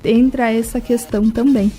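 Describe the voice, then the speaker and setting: A woman speaks at normal speed in a dark voice that is on the high side, with fairly even intonation. She has a southern Brazilian accent and is a language-school guest in a radio interview. Her explanations are didactic, with frequent rhetorical questions and check tags.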